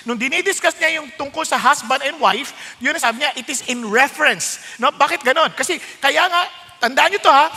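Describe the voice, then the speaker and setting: High bright preacher in a hall. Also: male voice. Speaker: pastor. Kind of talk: sermon. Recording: long hall reverb.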